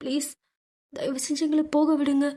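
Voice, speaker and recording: A woman's voice: high-pitched, flat delivery, slow, a little mellow, husky, voice pushed up, exaggerated voice. A woman voicing a terrified young woman in an audiobook, tearful and pleading. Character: young woman, terrified sister begging thugs.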